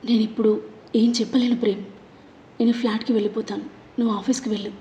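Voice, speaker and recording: A woman's voice: on the high side, level tone, fast talker, dark tone, close to an everyday voice. Woman voicing a heartbroken, withdrawn young woman. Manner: dull, withdrawn. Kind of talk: scripted audio story.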